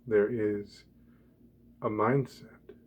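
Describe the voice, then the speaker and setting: A man speaking softly and quietly as if at night, reading and reflecting in halting, deliberate short phrases, ASMR style. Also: fairly low pitch, flat delivery. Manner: quiet, hushed night-time talking. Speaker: blogger reading from own blog. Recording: clear background ambient noise.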